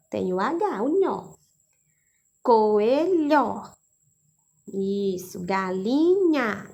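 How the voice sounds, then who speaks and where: A woman with a Brazilian accent, teaching a lesson for young children and slowly sounding out syllables, checking in often. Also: on the high side, darkish tone. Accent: Brazilian Portuguese.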